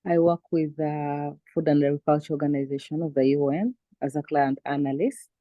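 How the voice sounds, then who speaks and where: A woman from Uganda calmly introducing herself at an online meeting. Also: low-pitched, a little fast, no echo, phone-quality sound. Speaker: meeting participant.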